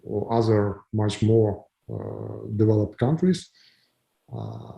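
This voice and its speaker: Ukrainian-accented businessman guest, low dark gravelly voice, halting delivery with many fillers. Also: lo-fi sound. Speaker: guest, company founder. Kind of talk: interview answers.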